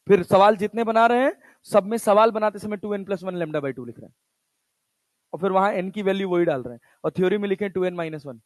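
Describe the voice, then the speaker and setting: A man's voice: high-pitched, a little mellow, no echo. A male physics teacher giving a lecture, firing questions at his students and answering them himself, in a casual, chatty way. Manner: casual, chatty teacher talk in Hindi with English terms. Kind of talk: classroom lecture.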